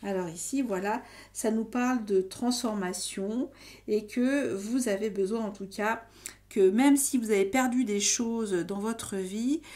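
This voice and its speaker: A woman's voice: medium pitch, a little slow, darkish tone. A woman giving a casual tarot reading to her viewers, talking in a hesitant, meandering way full of fillers and restarts. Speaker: tarot reader.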